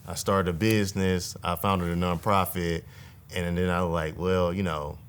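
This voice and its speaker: A man with a slightly low voice speaks in an earnest, reflective way, as if he is chatting with a colleague. He often checks in with "right?" and keeps a relaxed, conversational flow. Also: normal speed, clear, resonant tone. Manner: earnest, reflective, tag questions. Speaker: state legislator. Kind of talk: casual conversation.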